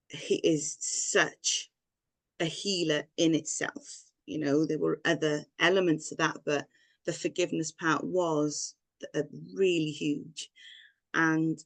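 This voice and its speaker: A Welsh woman with a deep, fairly bright voice is a guest in an interview, telling her own story in a rambling, candid, personal way and laughing often. There's no echo in the recording.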